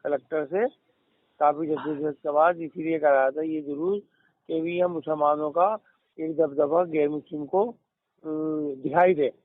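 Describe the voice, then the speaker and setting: A middle-aged man on a phone call tells long anecdotes and acts out what others said. He often stops and restarts. His fairly high voice comes through a dry, tinny line. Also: fairly even intonation, measured pace, no echo. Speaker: caller. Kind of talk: casual phone conversation.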